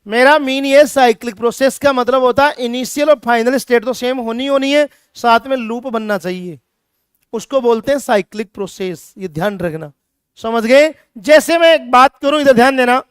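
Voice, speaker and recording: A man's voice: extremely high pitch, normal speed, clean tone, no echo, studio quality. A man, teaching a chemistry lecture energetically, teasing his students with rhetorical questions. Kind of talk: classroom lecture.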